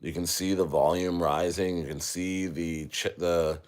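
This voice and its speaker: Male livestream host, slightly low voice, loose rambling chat, lots of "you know what I mean". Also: fairly even intonation, unhurried. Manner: rambling, full of fillers, talks to viewers.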